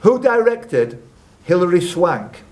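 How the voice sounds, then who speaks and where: Hosting a live quiz at a social club, a man reads out the questions slowly and adds chatty, off-the-cuff asides. His voice sits high, swings widely in pitch and has a darkish tone.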